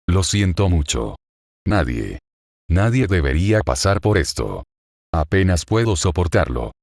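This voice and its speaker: A man's voice: deep voice, big pitch swings, measured pace, vocal fry, a little mellow, no room sound, clean studio sound, full character voice. A man reading the lines of a grieving, furious young woman in a story, pleading and anguished.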